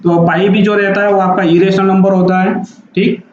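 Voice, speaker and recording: In a classroom-style maths lesson, a man with a high, darkish voice speaks in a level tone at normal speed, patiently repeating each point and checking in often. Slight background noise and a very echoey, dull lo-fi room sound mark the recording.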